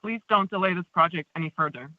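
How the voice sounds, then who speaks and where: Woman calling in by phone, thin lo-fi line with no room echo, reads a measured public comment. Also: on the low side. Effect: tinny phone line. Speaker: public commenter at a planning meeting. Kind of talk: reading a prepared statement. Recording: tinny dry phone line.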